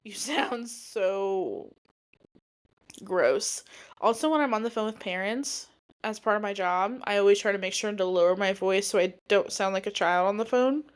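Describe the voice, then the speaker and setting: A woman's voice: medium pitch, fairly quick, clean tone. A woman in her twenties hosting her own podcast, talking casually and rambling with many fillers. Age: 20s. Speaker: podcast host; teacher. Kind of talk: casual solo podcast monologue.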